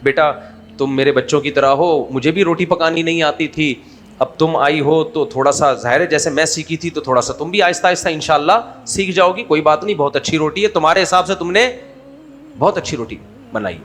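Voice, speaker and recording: A man voicing a soft-spoken older mother-in-law who coaxes her daughter-in-law gently. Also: on the high side, a little hiss or hum, lightly acted. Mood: gently coaxing. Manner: gentle, soothing, quietly indulgent.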